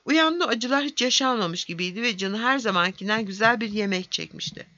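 A woman narrating a fantasy audiobook in a steady storytelling manner. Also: medium pitch, fairly quick, dry recording, dull audio.

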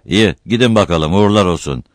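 A man's voice: low-pitched, expressive, fast, dry recording. A man reading a novel aloud, voicing a proud, sullen young village man who speaks curtly and defiantly. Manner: curt, defiant.

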